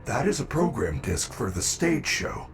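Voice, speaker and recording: An actor playing a gentle, protective animatronic bear robot in a video game, speaking in a formal, measured and courteous way. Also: male voice, lowish voice, sing-song, crowd noise. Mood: calm, instructive. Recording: noisy game capture.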